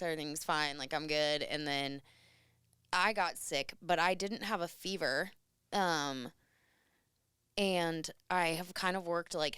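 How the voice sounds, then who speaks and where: A woman in her thirties, co-host of a podcast, chatting casually and a little raspy and hoarse from being sick. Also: sits low, no echo, studio quality. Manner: animated storytelling. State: slightly hoarse after illness. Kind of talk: casual chat.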